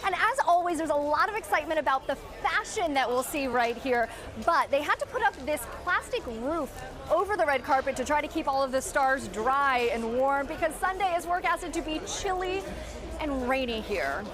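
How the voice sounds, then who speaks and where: High-pitched American woman reporting live. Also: expressive, normal speed, crowd noise. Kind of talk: live entertainment news report. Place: outdoors on a covered red carpet.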